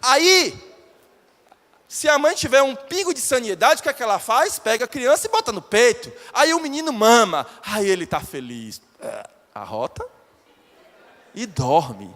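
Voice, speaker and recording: A pastor preaching live, his high voice leaping around as he keeps questioning the congregation. The sermon rings with long reverb through a church hall. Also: measured pace. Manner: animated, questions the congregation directly.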